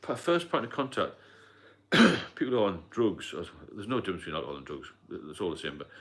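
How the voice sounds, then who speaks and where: A middle-aged British man hosts a casual live stream as a sobriety mentor, his deep, low voice expressive, a little fast and slightly bright. He rambles and repeats himself, with frequent fillers and coughs.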